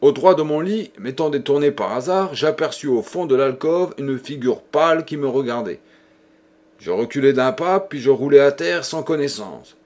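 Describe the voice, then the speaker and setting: A man reading an audiobook, voicing a brooding, guilt-ridden man who gravely confesses a crime. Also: medium pitch, lively intonation, normal speed, darkish tone, natural voice. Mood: feverish recounting. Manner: somber, grave.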